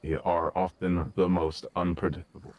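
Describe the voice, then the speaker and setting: A man's voice: low-pitched, little pitch movement, darkish tone. A man playing a choppy, cutting-out guardian beast. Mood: grave. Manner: stiff, formal, measured speech. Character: solemn male guardian creature, protector of humans. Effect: choppy audio, words cutting out at the ends. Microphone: close to a headset or desk mic.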